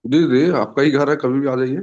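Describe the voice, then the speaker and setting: A man's voice: mid-range voice, fairly even intonation, normal speed, a little mellow. A man gives short, polite answers in a role-play phone call during an online training. He is heard over dull, muffled video call audio. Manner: brief, polite replies. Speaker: training participant.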